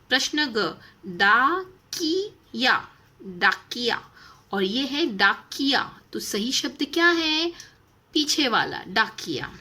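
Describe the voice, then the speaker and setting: A woman with a bright, slightly husky voice teaches young children. She speaks very slowly and carefully, drawing out each word for them to copy. She asks simple questions of the class as she goes. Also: fairly high pitch. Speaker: primary school Hindi teacher. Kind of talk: slow, clearly enunciated lesson for young children.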